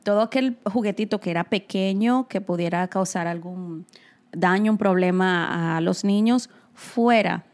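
Speaking at a measured pace in a medium-pitched, darkish voice, this Dominican woman is a co-host on a casual chat. She gives practical tips straight to the audience, calling them "señores."

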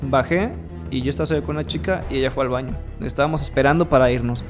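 A man's voice: medium pitch, fast, music in the background. A man with a Mexican accent in casual chat, telling a story vividly and acting out voices and sound effects. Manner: vivid storyteller who acts out quotes and sounds. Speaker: co-host telling a party story.

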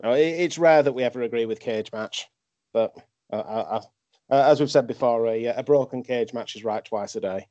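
Mellow man hosting, dull recording. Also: mid-range voice, normal speed, no echo. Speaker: podcast host. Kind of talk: casual wrestling review chat. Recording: dull, dry lo-fi microphone.

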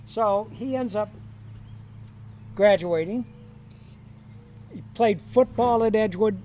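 An older man telling stories from his years as a high school counselor in a casual podcast chat, chuckling and acting out the quoted lines. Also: slow pace, dark tone, soft background music. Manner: chuckling anecdotal storyteller, acts out quoted lines.

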